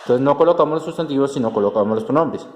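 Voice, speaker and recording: A man's voice: medium pitch, lively intonation, rapid-fire. A man, a teacher explaining a class lesson step by step, with frequent fillers and restarts. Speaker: Spanish teacher. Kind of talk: recorded class tutorial. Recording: roomy echo with long reverb and faint background noise.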